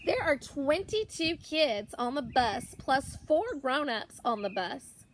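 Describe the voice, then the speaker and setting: A primary school teacher with a high-pitched voice reads a picture book aloud to young children. She reads very slowly, lingering on words and pausing deliberately, with the widely swinging, expressive intonation of a teacher telling a story. A faint hiss or hum sits under the recording.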